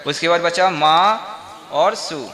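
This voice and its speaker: Slow, bright-voiced man teaching a class. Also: a little high. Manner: deliberate syllable-by-syllable teaching, quizzing listeners. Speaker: Jain monk teaching a class. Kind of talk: classroom lesson on verse meter.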